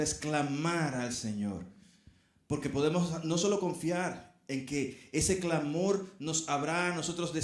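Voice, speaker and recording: Man preaching a sermon in an echoey church. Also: fairly high pitch. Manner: preaching, earnest, addresses the congregation. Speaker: pastor.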